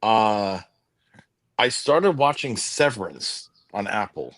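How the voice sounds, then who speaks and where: Dry-recorded man with halting, wry delivery. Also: on the low side, sing-song, fairly bright tone, no room sound. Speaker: podcast co-host. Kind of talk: casual chat.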